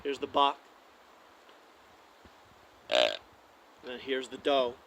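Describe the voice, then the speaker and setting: Male, casual hunting instructor, slightly raised pitch, loose conversational delivery, light background hum. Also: a little slow, poor audio. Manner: relaxed, conversational, with frequent "like" and restarts. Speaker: hunting call demonstrator. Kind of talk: casual how-to demonstration.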